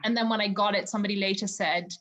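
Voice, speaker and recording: This podcast guest from Zimbabwe talks fast in a mid-range, somewhat bright voice with fairly even intonation. Calling in remotely from home for a casual interview, she's reflective and sincere, her speech full of fillers such as "you know."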